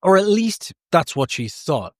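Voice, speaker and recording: A man's voice: high-pitched, very animated, measured pace, dry recording, clean studio sound. A man hosting a podcast, narrating a true story with chatty, jokey asides that often break off mid-thought. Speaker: podcast host.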